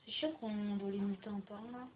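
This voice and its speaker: A woman's voice: mid-range voice, steady tone, a little fast, phone-quality sound, a little hiss or hum. A young woman rambling casually through gaming commentary, with frequent filler words, into a home computer microphone. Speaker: gaming video maker.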